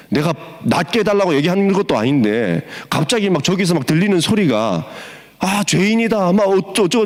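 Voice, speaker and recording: A man's voice: high voice, in a large hall. A male pastor preaching to students, acting out the story with quoted voices. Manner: animated, acts out the scene with quoted voices. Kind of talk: sermon to students.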